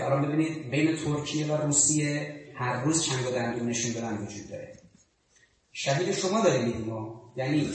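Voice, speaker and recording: A man's voice: mid-range voice, slight background noise. Man lecturing in an echoey hall. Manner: emphatic, rhetorical questions, swings between loud and quiet. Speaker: public speaker. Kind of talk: impassioned public lecture. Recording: very echoey hall, far from the mic.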